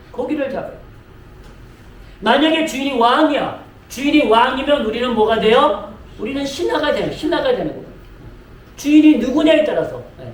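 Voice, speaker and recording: A man's voice: very high voice, a little hiss or hum. A man preaching a sermon as pastor, speaking to his congregation with lots of repetition and direct appeals. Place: church sanctuary. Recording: echoey room mic from a distance.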